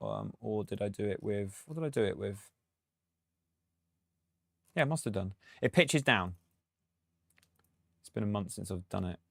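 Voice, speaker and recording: Male producer streaming a tutorial; casual, rambling, laughs a lot, low voice. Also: expressive, unhurried, creaky, long pauses, a bit bright, no echo, clean studio sound. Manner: chatty, thinks aloud, laughs often. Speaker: music producer.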